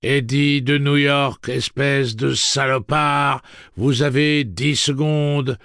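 Raging blind messenger robot, piercing and drawn out, storybook villain. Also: male voice, mid-range voice, steady tone, fairly bright tone, no echo, studio quality, voice pushed up. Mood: cold, gloating. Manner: shrieking, slow and drawn-out.

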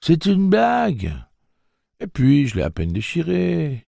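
A smug teenage bully, all taunts and fake innocence, as a male audiobook narrator puts him on. His voice is raised well above a deep natural pitch and swings about in a sing-song way. The recording is close and dry. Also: huge pitch swings, slow pace, gravelly, mellow, no room sound, heavily acted. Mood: mock-hurt.

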